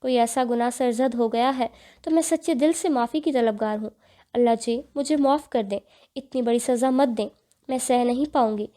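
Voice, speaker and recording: A woman's voice: fairly high pitch, warm tone, close to an everyday voice. A woman voicing a tearful young bride. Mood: pleading. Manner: tearful, pleading.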